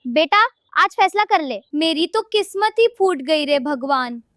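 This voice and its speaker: A woman's voice: sits high, lively intonation, a little slow, a bit bright, dry recording, studio quality. A woman voicing a quarrelsome old mother-in-law in a cartoon comedy, scolding and complaining. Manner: scolding and taunting.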